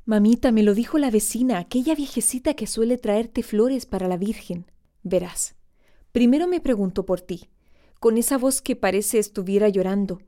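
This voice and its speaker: A woman voicing a small, timid and tender boy who speaks softly and pleadingly in a storybook reading. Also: on the high side, moderate pace, lightly acted.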